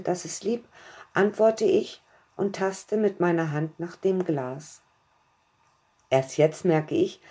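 A woman narrating a first-person story in a calm, measured, intimate way. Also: lowish voice, husky.

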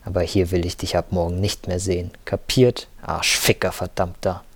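A man voicing a choleric, sweaty male bank manager in his fifties, who bellows and hisses hoarsely in an audiobook. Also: sits low, flat delivery, moderate pace, no room sound. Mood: contemptuous. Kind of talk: audiobook character voice.

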